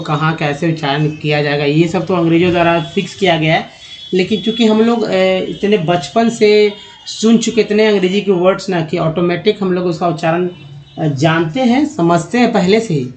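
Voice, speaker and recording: A man's voice: high-pitched, rough recording. A man teaching English pronunciation, spelling words letter by letter, repeating them and asking the listener rhetorical questions. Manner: addresses viewers as friends and asks rhetorical questions. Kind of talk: spoken lesson.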